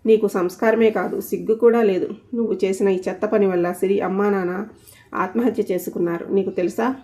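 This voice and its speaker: A woman's voice: mid-range voice, fairly even intonation, fairly quick, mellow, natural voice. A woman voicing a stern young man who angrily scolds a friend in an audio story. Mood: angry. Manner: scolding, accusing. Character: stern young male boss, angry friend.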